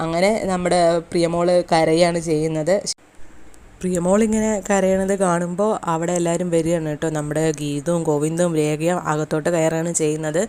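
Fast-talking woman recapping a serial. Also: lowish voice, warm tone, clear, resonant tone. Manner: chatty, conversational retelling. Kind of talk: casual spoken episode recap.

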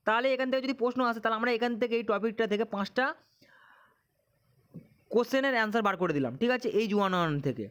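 Guy with a really high voice, teaching exam stuff, keeps repeating and asking questions. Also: expressive, rapid-fire, long pauses, fairly bright tone, clean tone. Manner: repetitive, drilling questions and answers. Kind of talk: exam-prep chemistry lesson.

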